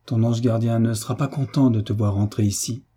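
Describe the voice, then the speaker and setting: Old male servant, read by a man, gruff, grumbling, dark tone. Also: medium pitch, fairly even intonation, fairly quick, natural voice.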